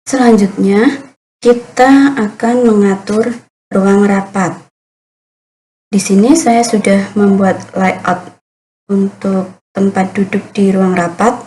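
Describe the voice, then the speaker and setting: A woman's voice: medium pitch, steady tone, takes it slowly, pauses often, mellow, poor audio. A woman presenting an explanatory tutorial in a methodical, step-by-step manner. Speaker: presenter demonstrating meeting management.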